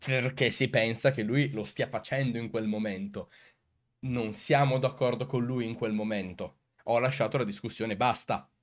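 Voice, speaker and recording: Man, emphatic speech, video commentary, mid pitch, questioning the viewers. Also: steady tone, normal speed. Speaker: video host. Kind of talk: commentary answering comments on recorded clips.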